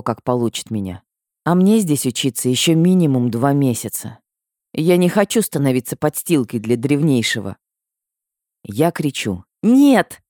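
A woman reading a first-person audiobook with emotional delivery and sudden high cries. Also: dark tone, dry recording, studio quality. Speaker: audiobook narrator.

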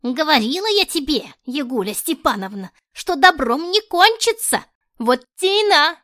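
A woman voicing a grumpy, sharp-tongued old village witch in a storybook, scolding in a high, loud voice. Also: very animated, normal speed, dry recording, clean studio sound. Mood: grumbling. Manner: scolding, shrill. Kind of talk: storybook character voice.

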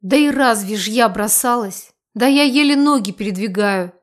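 A loud, blunt village aunt who scolds and mocks in the same breath, as a woman reading the story puts her on. Her voice sits a little high and carries force. It is an audiobook character voice. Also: normal speed, close to an everyday voice. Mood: scolding.

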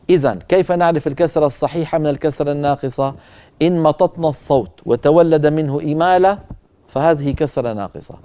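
A man hosting a call-in recitation lesson, patiently correcting a student and demonstrating sounds slowly. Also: medium pitch, dark tone, clean tone. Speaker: recitation teacher and show host. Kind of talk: teaching recitation on a call-in broadcast.

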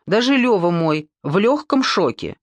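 A woman's voice: medium pitch, very animated, unhurried, no room sound, highs cut off. A woman voicing a timid, tearful young woman who stammers, in an audiobook. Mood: flustered tearful.

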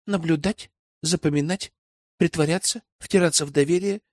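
A man voicing a sly, guarded young woman spy in an audiobook, speaking softly with raised pitch. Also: moderate pace, no room sound, studio quality, close to an everyday voice. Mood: cool.

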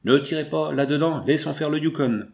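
Man reading as cold, vengeful prospector in an audiobook, curt and grim, gravelly. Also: fairly high pitch, brisk, a little mellow, pitched above the performer's own voice.

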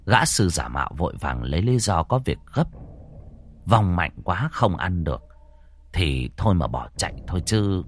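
Expressive low-voiced male storyteller. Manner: expressive, swinging between hushed and raised. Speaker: narrator. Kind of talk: dramatic audio-story narration.

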